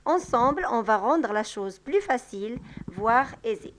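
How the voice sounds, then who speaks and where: A woman with a high voice gives a language lesson at an unhurried pace. She says each model phrase twice, a touch louder. The sound is dry and close to the mic. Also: lively intonation, no room sound. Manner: patient, repeats example sentences slowly and louder. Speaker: French teacher. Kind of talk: slow, clear language lesson.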